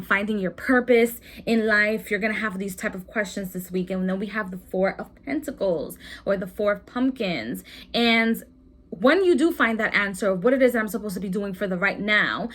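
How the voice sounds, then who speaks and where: A woman's voice: medium pitch, fairly bright tone. A young woman giving a casual weekly tarot reading, rambling and repeating herself with many ums and restarts. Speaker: tarot reader.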